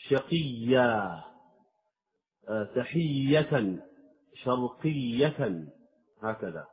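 A man teaching Quran recitation, stopping to sound out letters and words slowly and carefully. His voice sits at an ordinary middle pitch. The audio is thin and tinny, like a phone line. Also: husky. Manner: demonstrates letters slowly, drawn-out examples. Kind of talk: tajweed lesson.

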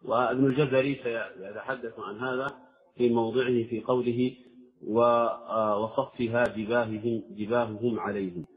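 A man teaching Quran recitation, slow and deliberate, drawing out words to show how each sound should be said. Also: mid-range voice, steady tone, slightly rough. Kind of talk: tajweed lesson with recited examples. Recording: tinny phone-like recording.

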